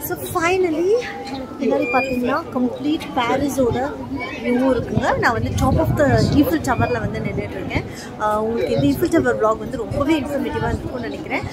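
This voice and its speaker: Tamil accent lady vlogging to camera, talks super fast, higher voice, big noisy crowd around. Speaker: travel vlogger. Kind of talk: vlog talk to camera. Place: outdoor viewing deck at night. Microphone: phone at arm's length. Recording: crowded outdoor deck, loud chatter behind.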